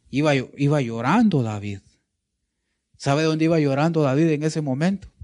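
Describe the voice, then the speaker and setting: In a mellow, mid-range voice, a man preaches to a congregation, asking them rhetorical questions and repeating "¿verdad?" ("right?") often. At times he searches for words in the middle of a sentence.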